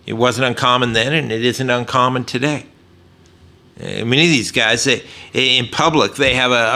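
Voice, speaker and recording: A pastor preaches a sermon earnestly, using frequent "uh" fillers and dropping his voice low and soft to emphasize points.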